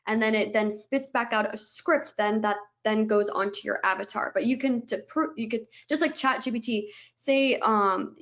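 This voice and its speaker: A woman's voice: fairly high pitch, moderate pace, hardly any pauses, a bit bright, lo-fi sound. A woman, a guest on a webinar, eagerly explaining her product step by step, stringing the steps together with "and then", over a video call.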